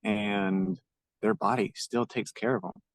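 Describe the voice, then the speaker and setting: A man co-hosting a podcast, reflecting gently and encouragingly in casual conversation. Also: fairly low pitch, fairly even intonation, a little slow, slightly rough, no room sound, rough recording. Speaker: podcast co-host.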